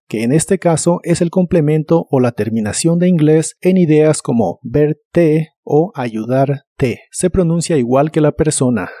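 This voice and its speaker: Male language teacher, dark mellow tone, dry close sound, deliberate drill delivery. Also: on the high side, dry recording. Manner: slow, deliberate pronunciation drills with repetitions. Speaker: English teacher. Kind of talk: scripted language lesson narration.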